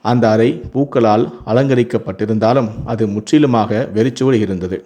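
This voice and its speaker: A man reading a first-person storybook tale in a steady, even narrating voice. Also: lowish voice, moderate pace.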